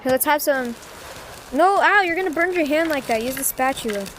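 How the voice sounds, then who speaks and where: A woman playing a VR game with a friend, chatting casually and protesting with loud playful yelps. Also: sits high, lively intonation, fairly quick, a little hiss or hum. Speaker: VR game player. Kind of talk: casual gaming banter.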